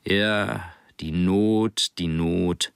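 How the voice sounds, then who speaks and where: A man voicing a proud middle-aged father in an audiobook, speaking slowly and fondly. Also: low-pitched, fairly even intonation, creaky, clean tone, no echo, clean studio sound, heavily acted. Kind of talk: audiobook character reading.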